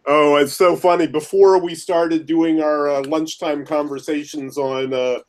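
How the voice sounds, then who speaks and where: A man's voice: fairly high pitch, fairly even intonation, unhurried. A man on a video call, amused and teasing about a friend's phone greeting. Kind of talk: casual chat on a video call.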